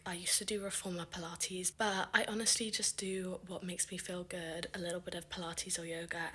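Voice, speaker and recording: A young woman narrating a casual beauty and lifestyle vlog, talking chattily and often dropping into a soft whisper. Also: on the low side. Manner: chatty, enthusiastic, many fillers like "like". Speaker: beauty vlogger.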